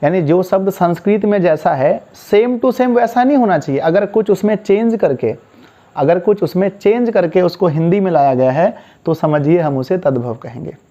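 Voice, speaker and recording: A man teaches a grammar lesson in a high but mellow voice. He keeps asking quick questions and answering them himself, and he has the class repeat terms after him. The recording sounds dull and lo-fi. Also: animated. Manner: drills students with call-and-response repetition; casual, asks rhetorical questions and answers them. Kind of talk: online class lecture.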